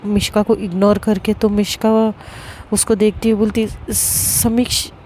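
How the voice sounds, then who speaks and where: A young woman narrating a serialized love story slowly and deliberately, often restarting her words. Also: medium pitch, level tone, noisy background. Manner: slow, deliberate, with frequent restarts.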